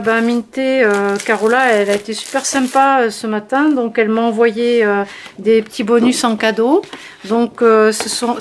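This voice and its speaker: Chatty French woman showing craft supplies. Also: a little high. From France. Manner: hesitant, many fillers, friendly. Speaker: scrapbooking shop owner. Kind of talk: casual product show-and-tell.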